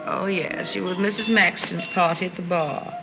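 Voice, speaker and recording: An actress playing a muddled, hungover middle-aged society matron with vague, querulous screwball comedy banter in a 1930s film. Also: female voice, lowish voice, fairly even intonation, normal speed, gravelly. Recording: dull old film soundtrack, music behind.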